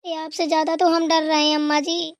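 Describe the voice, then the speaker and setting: A woman's voice: sits high, flat delivery, brisk, no room sound, studio quality. A woman voicing a frightened young daughter-in-law who pleads and complains in a comic family skit. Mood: pleading. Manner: whiny pleading.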